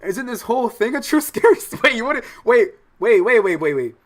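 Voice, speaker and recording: A man streams a visual novel in a very high voice, talking fairly quickly. He mixes read-aloud game text with animated, slangy, loudly exclamatory commentary.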